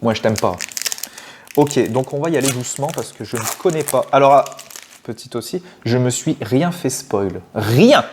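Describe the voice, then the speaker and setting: A man with a French accent chatting casually while opening trading card packs, excitable and given to swearing and sudden shouts. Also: medium pitch, moderate pace, a little hiss or hum. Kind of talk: casual unboxing chat.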